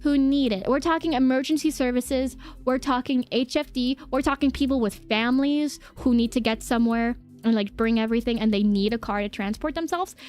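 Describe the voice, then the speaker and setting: A woman with a high-pitched voice chats to her livestream viewers as she explains things. Her delivery is informal and giggly, with phrases often repeated. Music plays behind her. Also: brisk, hardly any pauses, darkish tone. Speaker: livestream host.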